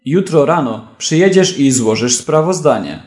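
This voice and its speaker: A man's voice: on the high side, expressive, measured pace, darkish tone, soft background music. Male reader doing a sardonic police chief, dry, echoey room. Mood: reproachful.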